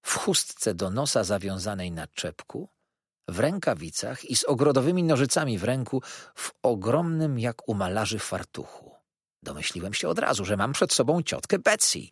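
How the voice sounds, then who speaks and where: A man's voice: mid-range voice, sing-song, normal speed, husky, dry recording, studio quality. A man reading a novel aloud as an audiobook narrator, telling the story expressively. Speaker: audiobook reader. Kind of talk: scripted narration.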